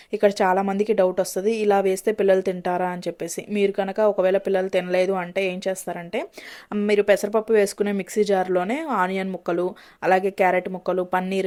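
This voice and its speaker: A woman's voice: mid-range voice, a little mellow. A young woman and mother talking through a home recipe in a casual, chatty way, often checking in with her viewers and mixing English cooking words into her speech.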